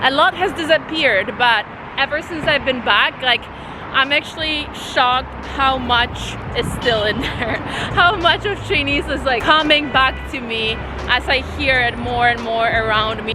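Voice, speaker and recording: A chatty, excitable young Polish woman vlogs casually to camera while travelling through city streets and riding in taxis, laughing often. Her voice sits high, yet her pace is measured. The outdoor recording is noisy, with a loud street crowd and music in the background.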